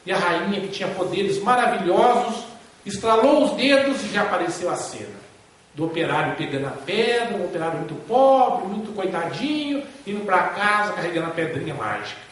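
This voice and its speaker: A man's voice: sits high, animated, a little fast, a bit bright. A man giving a spiritist lecture, telling a story in a folksy way and checking in with listeners. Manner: folksy, asks listeners along with tag questions. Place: spiritist center hall. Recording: echoey hall from far off.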